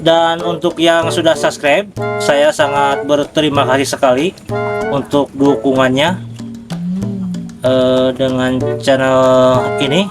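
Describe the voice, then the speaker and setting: A man's voice: mid-range voice, fairly even intonation, takes it slowly, music in the background. A man chatting casually as host of a cooking vlog, playful, often repeating himself and stumbling over words.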